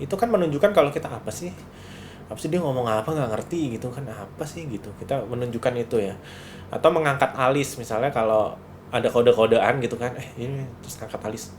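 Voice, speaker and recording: A man's voice: mid-range voice, slight background noise. Chatty male lecturer, style speech. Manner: relaxed, chatty, acts out small examples. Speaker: university lecturer. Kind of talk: casual lecture to students.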